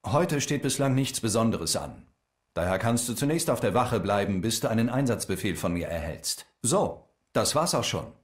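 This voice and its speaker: An actor playing a businesslike police chief in a video game, giving orderly instructions in scripted dialogue. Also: male voice, fairly low pitch, very animated, moderate pace.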